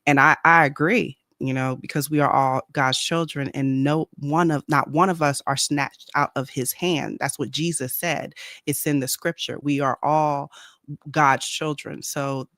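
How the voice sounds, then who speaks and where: A man speaking earnestly in a casual faith discussion on a video call, slowing down to stress his points. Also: fairly high pitch, fairly even intonation, sharp tone, no room sound, studio quality. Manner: earnest, slow and deliberate when stressing a point. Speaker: panelist on a faith talk stream.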